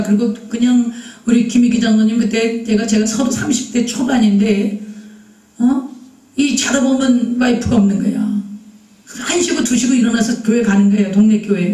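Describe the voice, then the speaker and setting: A woman's voice: on the high side, mellow. A woman preaching a sermon, telling stories with acted quotes and rhetorical questions. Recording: echoey room, distant mic.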